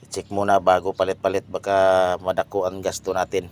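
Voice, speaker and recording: A man, a mechanic explaining a car repair to viewers in a halting way, pausing and repeating himself. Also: deep voice, monotone, darkish tone, a little hiss or hum.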